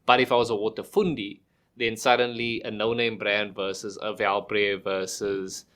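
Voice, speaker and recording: Talking at normal speed in a fairly low, slightly bright voice with little pitch movement, a middle-aged man from South Africa guests on a podcast. He explains ideas casually with everyday examples, restarts his phrases, and asks rhetorical questions.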